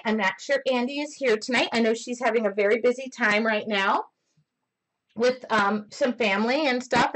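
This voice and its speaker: A woman hosting a live-streamed mixed media painting lesson, chatty and excitable, rambling and often talking loudly. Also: high-pitched, poor audio. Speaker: mixed media art instructor.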